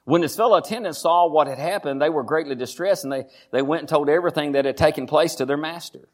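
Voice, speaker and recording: Emphatic preacher man, raised voice. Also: fast. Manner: emphatic, repeats phrases and rises in pitch for emphasis, calls listeners honey. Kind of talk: sermon.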